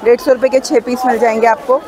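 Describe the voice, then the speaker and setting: Crowd noise fills this low-quality phone clip of an outdoor wholesale market tour. The woman, a shopping vlogger, talks fast and flatly in a voice on the high side while she discusses prices with viewers and bargains with sellers.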